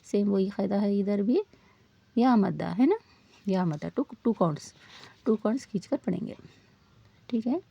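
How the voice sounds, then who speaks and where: Gravelly-voiced woman teaching Quran recitation. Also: medium pitch, lively intonation, dark tone, highs cut off. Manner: patient, repeats points, asks learners questions; slows down to model Arabic sounds. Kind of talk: step-by-step tajweed lesson.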